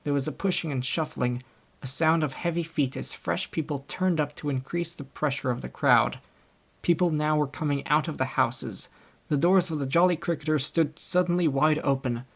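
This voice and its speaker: A young man reading a classic novel aloud in scripted audiobook narration, with a steady storytelling delivery. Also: fairly high pitch, normal speed, creaky. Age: young adult. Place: home recording setup.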